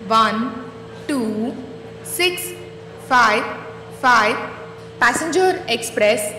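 A woman's voice booms over a station PA loudspeaker, spacing out each word very slowly and evenly. It sounds distant and echoey, and clear train noise fills the background. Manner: slow, evenly spaced announcement delivery. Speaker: railway station announcer. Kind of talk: recorded train announcement. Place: railway station platform.

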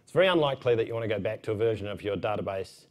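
Low-pitched man, broad Kiwi accent. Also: lively intonation, rapid-fire. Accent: New Zealand. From New Zealand. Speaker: conference speaker. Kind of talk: informal technical conference talk. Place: indoor conference room, at a podium.

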